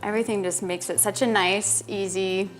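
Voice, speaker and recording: Calm woman demonstrating a recipe. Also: medium pitch, moderate pace, rough recording. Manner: calm, explains step by step. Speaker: cook. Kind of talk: cooking demonstration.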